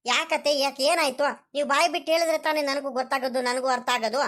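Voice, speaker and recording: A worried young village husband, voiced by a woman, pleads and asks the same questions again and again. The voice sits high. It is a village comedy cartoon. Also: steady tone, quick pace, a bit bright. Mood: worried pleading.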